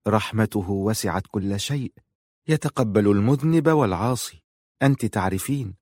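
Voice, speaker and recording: A man voicing an older female guardian, devout and protective, speaking gently and earnestly. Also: lowish voice, lively intonation, moderate pace, no room sound, studio quality. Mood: gentle, earnest.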